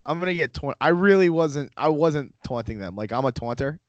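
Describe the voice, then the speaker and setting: A man's voice: a little high, expressive, fairly quick, dry recording, dull audio. Dry, joking podcast guy. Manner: rambling, joking, swears. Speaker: podcast co-host. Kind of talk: casual podcast chat.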